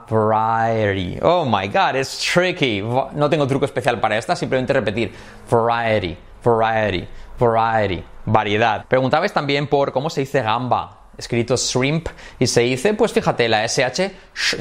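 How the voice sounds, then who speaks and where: Man, language teacher, casual video lesson, lively upbeat delivery, slow drilled repetitions. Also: mid-range voice. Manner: repeats words slowly for practice, switching between languages. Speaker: English pronunciation teacher.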